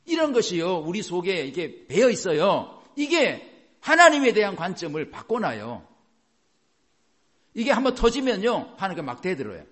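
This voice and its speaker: A man preaching a sermon in an animated way, asking rhetorical questions and chuckling as he goes. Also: high-pitched, normal speed. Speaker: pastor.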